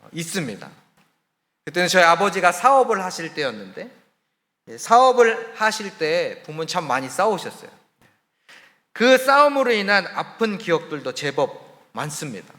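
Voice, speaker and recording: A man who is a missionary, telling his own story in a sermon, candid and confiding, sometimes dropping soft. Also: high voice, long reverb tail. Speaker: missionary preacher. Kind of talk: testimony sermon. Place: church sanctuary.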